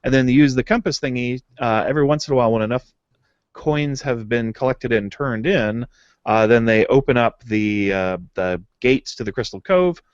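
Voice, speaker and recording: A man's voice: medium pitch, normal speed, clear, resonant tone, no room sound. Man, podcast host, casual rambling chat, dry dull lo-fi sound. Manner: rambling, chuckling, filler-heavy. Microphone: home mic on a video hangout. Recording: dull lo-fi dry webcast audio.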